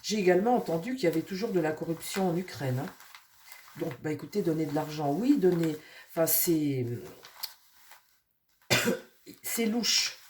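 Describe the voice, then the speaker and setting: A woman with a cold who talks through her nose, rambling casually with many fillers while reading tarot for her viewers and speaking softly to her cards. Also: deep voice, normal speed, long pauses, slight background noise. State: nasal from a cold. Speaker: tarot reader.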